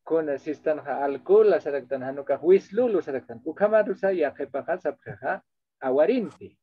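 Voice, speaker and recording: A man's voice: a little high, moderate pace, breathy edge, dry recording. A man lecturing as a translation course instructor, explaining patiently and checking in with his listeners as he switches between two languages. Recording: dull dry lo-fi audio.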